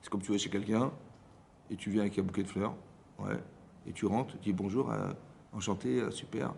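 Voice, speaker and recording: A man's voice: on the low side, fairly quick, creaky, a little hiss or hum. A man giving a Torah lesson as a rabbi, acting out dialogues and often checking that his listeners understood. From France. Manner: lively, acts out dialogues, asks the audience if they understood. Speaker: rabbi teaching a class. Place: community hall class.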